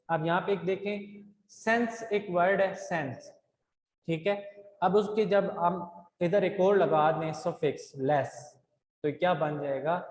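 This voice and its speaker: A teacher with a Pakistani accent giving an English grammar lesson to children, speaking slowly and deliberately, spelling words letter by letter and checking in often. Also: mid-range voice, darkish tone. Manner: switches between Urdu and English reading of textbook lines. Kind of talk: recorded class lesson for children. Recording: echoey hall with long reverb.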